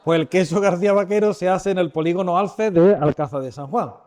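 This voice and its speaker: Warm-voiced man in his fifties preaching. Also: high voice, fairly quick. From Andalusia, Spain. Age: 50s. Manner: chatty and humorous, asks the audience questions. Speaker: preacher leading a church workshop. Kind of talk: informal sermon to a live audience. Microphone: handheld or stand microphone.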